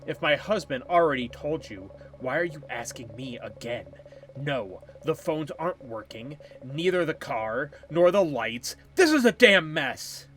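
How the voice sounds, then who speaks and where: A man's voice: medium pitch, expressive, a little slow, a bit bright. A man reading a curt, dismissive woman. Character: sharp-tongued woman, stranded motel guest. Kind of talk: reading game dialogue aloud.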